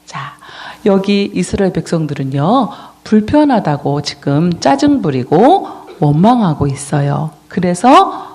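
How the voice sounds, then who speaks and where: Lively children's sermon narrator who quizzes the kids as the story goes. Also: mid-range voice, measured pace, few pauses. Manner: storytelling, asks the children questions. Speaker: children's ministry preacher.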